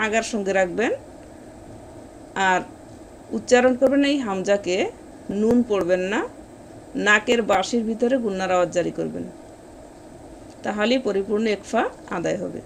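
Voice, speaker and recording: A woman's voice: mid-range voice, vocal fry, slight background noise. Woman teaching recitation rules step by step. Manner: explains rules, then recites words slowly drawn out. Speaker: Quran reading teacher.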